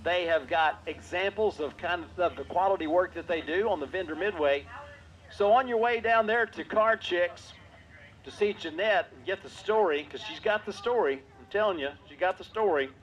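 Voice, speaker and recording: A man's voice: high voice, normal speed, muffled recording. A man working as a drag race announcer, calling the action in a showy motorsport delivery like a tractor pull announcer. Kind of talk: live race commentary and sponsor reads over public address. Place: outdoors at a drag strip. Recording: outdoor track noise and vehicles behind.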